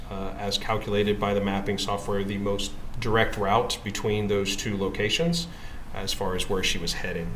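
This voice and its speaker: A man giving formal, matter-of-fact testimony as a witness, walking through records slide by slide in a measured way. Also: on the low side, a bit bright. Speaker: witness presenting records in court. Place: courtroom. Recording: echoey room with background noise.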